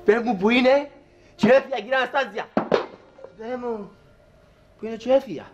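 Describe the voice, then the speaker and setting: A man's voice: very high voice, music in the background. An actor playing a timid, stammering young man in a sitcom. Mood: pleading. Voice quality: stammering, hesitant. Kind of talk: sitcom acting. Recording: dull lo-fi TV sound, faint noise.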